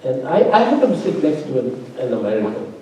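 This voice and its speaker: A faculty opponent at a thesis defense, an immigrant in Norway, gives spoken academic commentary in a medium-pitched, sing-song voice with a dark tone, talking fairly quickly. He rambles discursively with many fillers and restarts. The recording is distant and roomy, like a lecture hall, with a little hiss or hum.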